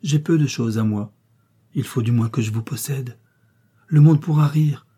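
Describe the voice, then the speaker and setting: A man's voice: mid-range voice, moderate pace, mellow, husky, lightly acted. A man reading a blind, brooding older man. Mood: pleading.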